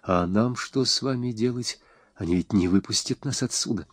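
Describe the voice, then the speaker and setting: A male reader voices a frightened young woman in an audiobook. She speaks in a hushed, anxious way in a low voice. The sound is dry and close. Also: normal speed, slightly rough, no echo.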